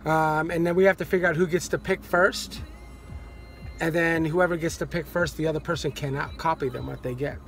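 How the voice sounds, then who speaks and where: A man's voice: on the high side, fairly quick, soft background music. A man in his forties, a father, casually narrating a fishing vlog into a phone held at arm's length, in a car and on a river dock, rambling with lots of ums. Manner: relaxed, rambling with many ums. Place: inside a parked car, then outdoors on a river dock. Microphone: phone camera at arm's length.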